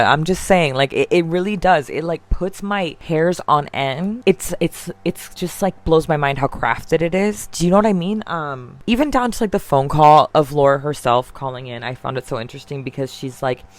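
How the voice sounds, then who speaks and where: A woman with a deep contralto voice giving an opinionated commentary monologue in a chatty way, full of fillers and restarts. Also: no room sound. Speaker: online drama commentator.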